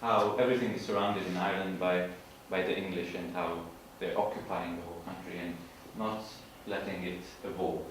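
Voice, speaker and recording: A man giving an informal literature presentation, explaining in a halting way and searching for his words. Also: sits low, steady tone. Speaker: student presenter. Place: large room at an evening school event. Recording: echoey hall from far off, faint noise.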